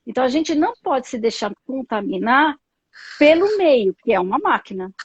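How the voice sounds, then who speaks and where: A Brazilian woman psychologist speaks on a live video interview. Her voice sits high and carries a husky edge, dry and close. The call audio is dull and lo-fi. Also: big pitch swings, moderate pace, dry recording. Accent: Brazilian Portuguese. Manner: thoughtful, many fillers and tag questions. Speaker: psychologist guest.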